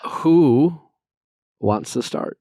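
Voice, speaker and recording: A male podcast host with a mid-range voice, lively intonation and drawn-out words, sounding mellow, guides callers through their disagreement in a casual mediation chat. He is direct, sums up each side and steers the conversation straight to the point. The sound is studio quality with no echo.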